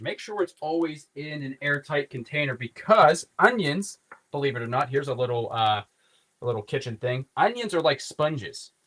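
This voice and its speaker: A man's voice: medium pitch, fairly bright tone. A man with a Pittsburgh accent hosting a casual live cooking demo from his home kitchen, rambling loosely and swearing offhand. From Pittsburgh area. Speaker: cooking livestream host.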